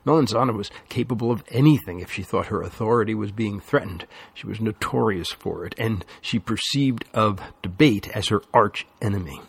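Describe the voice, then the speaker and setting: A man narrating an audiobook with measured storytelling. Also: on the low side, vocal fry, husky, no room sound. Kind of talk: scripted narration.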